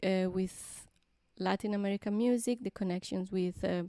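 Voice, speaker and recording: Spanish-accented woman, smooth dry voice. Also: mid-range voice, steady tone, dark tone, dry recording. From Granada, southern Spain. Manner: halting, restarts often, filler-heavy. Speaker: singer-songwriter hosting a live stream. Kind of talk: casual live-stream chat.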